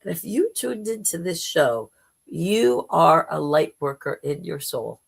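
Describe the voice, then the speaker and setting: Spiritual livestream host: very gravelly, hoarse voice, informal and gently encouraging delivery. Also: mid-range voice, very animated, measured pace. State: temporarily hoarse.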